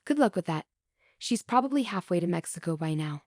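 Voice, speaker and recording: A woman's voice: on the low side, expressive, a little fast, a little mellow, no echo, studio quality, close to an everyday voice. A woman voicing an angry ex-wife who speaks coldly and with sarcasm. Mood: scornful. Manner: cold, sarcastic.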